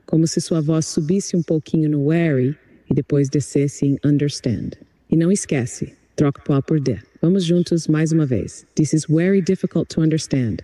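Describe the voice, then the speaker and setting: A man's voice: on the high side, mellow, no room sound. A computer-generated male voice acting as an English tutor, speaking in an upbeat, encouraging, polished way. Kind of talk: chatbot voice giving an English lesson.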